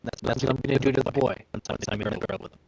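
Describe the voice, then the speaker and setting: A man playing a tabletop game, talking excitedly and stammering as he explains his plan. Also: medium pitch, rapid-fire, creaky, slight background noise, low-quality recording. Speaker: player. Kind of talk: casual game chat.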